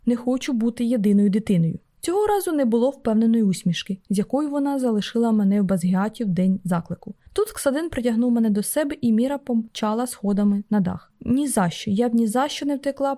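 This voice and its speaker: A woman narrating a novel in a measured, expressive reading style. Her voice sits a little high for a woman but sounds mellow and warm rather than bright. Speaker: audiobook narrator. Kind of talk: scripted narration.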